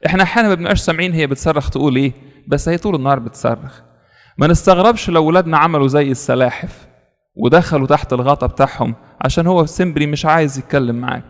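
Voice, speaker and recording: Egyptian priest, rapid sermon delivery, somewhat high voice, long hall reverb. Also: male voice. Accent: Egyptian Arabic. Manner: storytelling, earnest, repeats words for stress. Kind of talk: sermon with a story.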